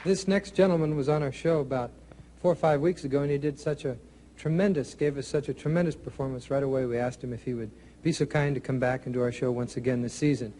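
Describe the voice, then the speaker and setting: A man's voice: mid-range voice, quick pace, mellow, a little hiss or hum, low-quality recording. A man hosting a television variety show, introducing the next comedian in a polite, straight manner. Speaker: host.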